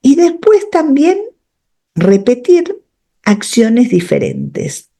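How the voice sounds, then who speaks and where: A woman's voice: fairly high pitch, huge pitch swings, drawn-out words, vocal fry, warm tone. A middle-aged woman, a radio host and coach giving reflective step-by-step advice, often checking in with tag questions. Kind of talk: advice talk on personal growth.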